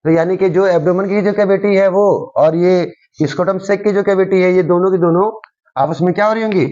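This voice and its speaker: A science teacher, a man, explains a diagram and says each key term twice. He keeps asking the listener what each part is called, in a high voice. The recording sounds muffled and lo-fi. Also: a little mellow. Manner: repeats key terms and quizzes the viewer with "what is it called?". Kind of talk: explaining a diagram in a class lesson.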